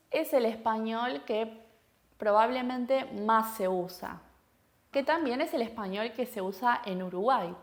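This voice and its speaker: A woman with a Rioplatense Argentine accent giving a Spanish lesson to camera, explaining clearly and checking in with rhetorical questions. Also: a little high. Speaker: Spanish teacher.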